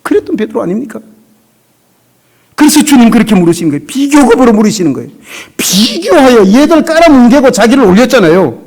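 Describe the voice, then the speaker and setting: A middle-aged man preaching a revival sermon as a pastor in a church, emotional and conversational, sometimes dropping to a hush. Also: extremely high pitch, very animated, a little fast. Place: church sanctuary.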